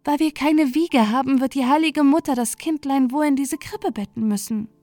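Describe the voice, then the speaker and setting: A woman's voice: high-pitched, moderate pace, dry recording, voice pushed up, natural voice. A woman voicing an eager, fussy little queen wren bird in a storybook, fretting and scolding. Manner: fretful, excited, scolding. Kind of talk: storybook character voice.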